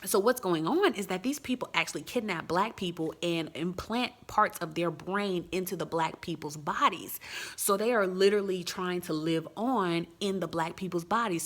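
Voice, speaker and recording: A woman's voice: lowish voice, moderate pace. A woman casually reviewing a movie on her phone, retelling the plot with energy and acting out scenes. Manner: lively retelling, acts out scenes.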